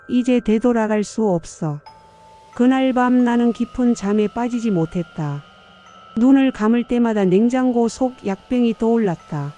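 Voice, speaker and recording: An older woman narrating a first-person audiobook story in a measured, somber way. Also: fairly high pitch, dark tone.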